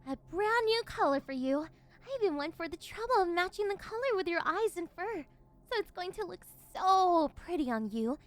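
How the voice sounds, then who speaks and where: A woman's voice: very high voice, sing-song, moderate pace. A woman playing a possessive, unhinged yandere villainess in an ASMR role-play, cooing and teasing condescendingly as she domineers over her captive. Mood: indignant, menacing.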